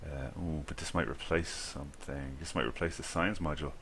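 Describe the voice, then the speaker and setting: This very deep, fairly bright male voice moves fairly quickly with fairly even intonation, over a little hiss or hum. He's an Irish gaming creator talking casually to himself while playing, rambling and laughing at his errors.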